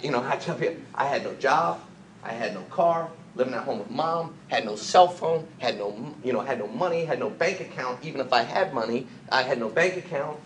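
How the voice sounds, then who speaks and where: A man from the United States giving an energetic motivational business training talk, full of rhetorical questions and jokey asides. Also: medium pitch, brisk. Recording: echoey room, faint background noise.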